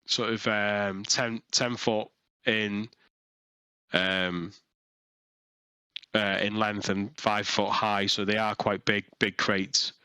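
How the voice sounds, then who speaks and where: Bright, crisp man as game master. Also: fairly low pitch, level tone, dry recording. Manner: halting narration with many fillers and restarts. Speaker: dungeon master. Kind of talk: narrating a tabletop game over voice chat. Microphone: headset.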